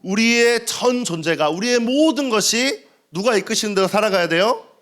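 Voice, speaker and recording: Lively preaching male pastor. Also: high voice, moderate pace. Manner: lively, asks the congregation questions and answers them. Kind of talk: sermon. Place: church sanctuary.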